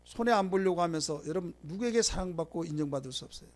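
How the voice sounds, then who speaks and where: Korean pastor preaching with loud swings. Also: male voice, a little high, lively intonation, quick pace. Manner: call-and-response preaching, asks the congregation to repeat; loud bursts of emphasis swinging to quiet asides. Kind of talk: sermon lecture.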